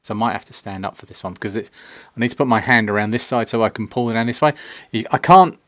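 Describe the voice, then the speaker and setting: A man with a lowish voice talks fast, with no echo, chatting casually on a live stream while he paints a pinball cabinet in his home workshop. He's a maker streaming the build, poking fun at himself and sometimes dropping to a near-whisper as he concentrates. A separate desk mic, off camera, picks him up.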